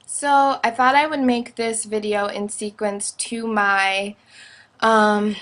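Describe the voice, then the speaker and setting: A woman's voice: medium pitch, fairly bright tone. A young woman talks casually into her camera, sharing a strong opinion in a chatty, emphatic way, with lots of fillers. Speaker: vlogger.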